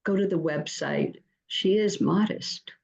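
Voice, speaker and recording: A woman hosting an online poetry reading, introducing the featured poet with effusive praise and many halting fillers. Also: lowish voice, gravelly, darkish tone, dull audio. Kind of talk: warm spoken introduction, reading quotes aloud.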